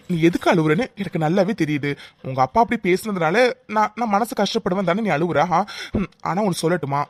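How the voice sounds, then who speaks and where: A man voicing a calm, loyal young fiancé in a cartoon, speaking in a soothing, reassuring way. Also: high-pitched, no room sound. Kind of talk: cartoon voice acting.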